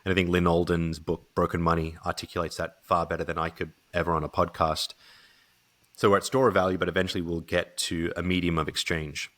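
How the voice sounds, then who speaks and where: A man's voice: deep voice, flat delivery, brisk, fairly bright tone. A man speaking as a podcast guest, talking things through thoughtfully with frequent hedges and restarts. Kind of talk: casual conversation.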